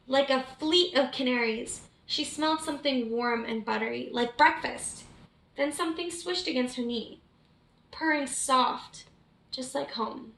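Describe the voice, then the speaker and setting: A children's storybook reader with a high, fairly bright voice reads a picture book aloud expressively, asking the young audience questions to keep them engaged. Slight background noise sits under an echoey, roomy sound.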